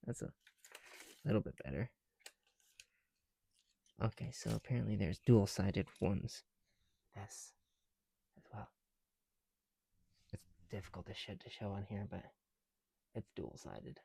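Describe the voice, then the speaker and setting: A young man and ASMR video creator chats casually at home while building bricks, his soft, breathy voice often sinking to a whisper and a little breathless behind a heavy mask. His fairly low, unhurried speech rambles in a self-deprecating way with long pauses. The recording has no room sound.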